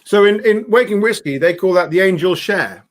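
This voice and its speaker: A man's voice: sits high, normal speed. A man hosting a casual interview over a video call, chatty and hesitant, full of fillers and restarts. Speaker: host.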